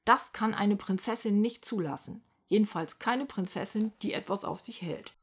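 A woman reads a children's storybook aloud at a middling pitch, lively and expressive. Her voice is soft and slightly husky, with a breathy edge. She moves easily between narration and the characters' lines. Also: moderate pace.

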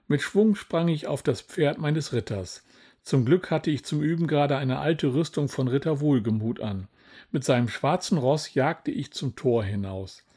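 A man voicing a boastful older male knight and proud father in a children's storybook, grumbling and full of self-praise, with a husky voice. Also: medium pitch, lively intonation, normal speed, mellow.

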